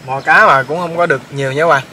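A man with a Southern Vietnamese accent talks casually to camera, stopping often on small fillers. His voice sits a bit high. Faint outdoor noise runs under the recording. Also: fast, pushed and bright. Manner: chatty, lots of hesitation fillers, laughs easily. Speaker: channel host. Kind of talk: casual outdoor cooking vlog chat.

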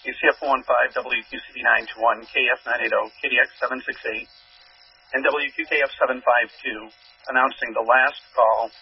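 A man working as a fire dispatcher, reading call signs over a dispatch radio in a steady, clipped way. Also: mid-range voice. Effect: dispatch radio transmission. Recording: distant muffled scanner radio with faint hiss.

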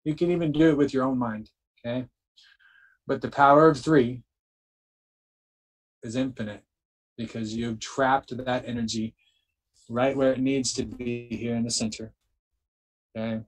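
Man at a mid pitch guiding a spiritual group, checks in with "okay?" between forceful chanted lines. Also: steady tone, measured pace, pauses often, poor audio. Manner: repeats "okay?" constantly, chants incantations with emphasis. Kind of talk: instructional spiritual talk.

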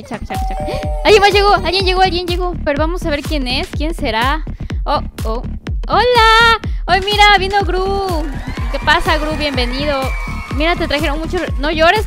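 A woman playing a horror game and chatting animatedly to its characters and her viewers, breaking into shrieks. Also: high voice. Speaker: gaming YouTuber. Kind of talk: playful horror game commentary. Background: game music.

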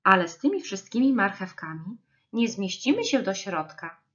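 A woman's voice: mid-range voice, big pitch swings, normal speed, lo-fi sound. A woman voicing a hospitable, worried beaver in a storybook reading, calling out. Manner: shouting, worried. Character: roomy-housed, worried beaver.

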